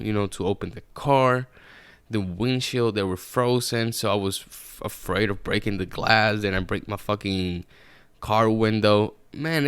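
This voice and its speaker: A man's voice: on the low side, creaky, no echo. A man, hosting a solo podcast from his apartment, rambling casually and swearing freely. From Puerto Rico. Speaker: podcast host. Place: apartment room.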